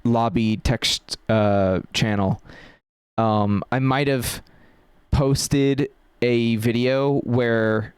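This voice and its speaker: A man's voice: medium pitch, fairly even intonation, drawn-out words, clean tone, no echo. Rambling man hosting a chat. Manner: rambling, full of fillers and restarts. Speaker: podcast host. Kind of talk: casual chat.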